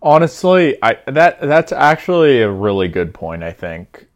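A man's voice: mid-range voice, sing-song, a little slow. A young man co-hosting a podcast, talking through college football rankings in a thoughtful, hedging way, often restarting his sentences. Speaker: podcast co-host. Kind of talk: casual sports betting chat.

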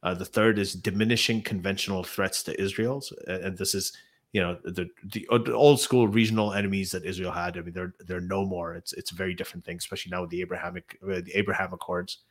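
A man hosting a casual live discussion, explaining in a halting, conversational way while slightly under the weather. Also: sits low, fairly even intonation. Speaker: podcast host.

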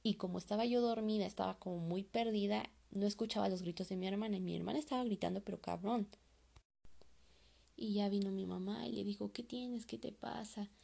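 A woman recounts an eerie personal experience in a casual, rambling style, leaning on fillers as she goes. Her voice is dark and mellow, with a strong gravelly fry running under nearly every phrase. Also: mid-range voice, fairly quick. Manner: loose conversational telling with frequent fillers. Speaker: storyteller. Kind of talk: casual first-person horror story.

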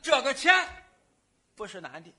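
A man delivers stage crosstalk comedy in a put-on rustic country drawl, whining and hamming it up. His voice sits very high and sounds sharp and forceful. His telling swings between complaint and mock grief. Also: sing-song, normal speed, slightly rough. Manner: rustic country dialect put on for comic effect, whiny and theatrical. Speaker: lead comedian in a crosstalk duo.

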